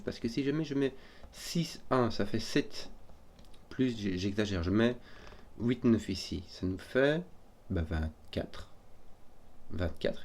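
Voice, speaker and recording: A man solving a number puzzle out loud, hesitant and often correcting himself as he works through it. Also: fairly low pitch. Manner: hesitant, self-correcting, halting. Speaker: puzzle solver. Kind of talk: thinking aloud while solving a puzzle.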